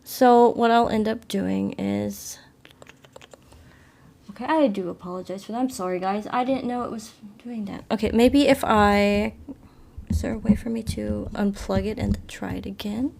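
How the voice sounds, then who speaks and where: A woman's voice: mid-range voice, steady tone, moderate pace, gravelly, a little mellow. A woman live streaming from her phone with a plugged-in mic, chatting apologetically with viewers and reading a story game aloud. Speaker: livestreamer.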